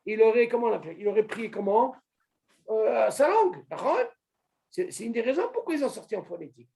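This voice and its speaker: A man teaching an informal religious lesson to a small group, animated, asking questions and calling on a student by name. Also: sits high, a little fast, gravelly. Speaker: Torah teacher.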